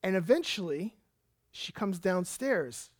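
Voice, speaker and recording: A man in his thirties, a pastor, preaching a sermon and telling a lively personal story with emphatic delivery. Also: high-pitched, slow, dry recording, clean studio sound.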